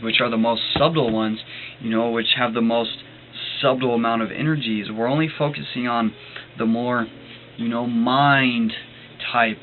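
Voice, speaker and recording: Hesitant man on a tinny phone-like line. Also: mid-range voice. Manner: hesitant, with many fillers and restarts; earnest and enthusiastic about the subject. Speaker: reader explaining a book. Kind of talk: reading aloud with spoken commentary. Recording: tinny phone-like recording with faint noise.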